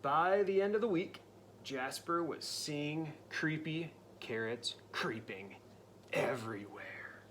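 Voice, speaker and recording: A man reading a picture book aloud to a child, dramatic and playful, dropping into spooky whispers and jumping to loud cries. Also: fairly high pitch, slow pace, slight background noise. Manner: playful asides to the listening child. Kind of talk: storybook read-aloud.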